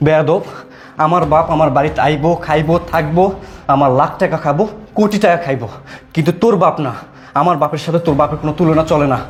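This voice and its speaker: A man's voice: on the high side, quick pace, close to an everyday voice. A man in a short drama playing a domineering husband who bullies and scolds his wife. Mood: angry. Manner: harsh, bullying, scolding. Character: cruel, domineering young husband. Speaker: abusive husband. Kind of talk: short-film acting. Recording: roomy, with loud music.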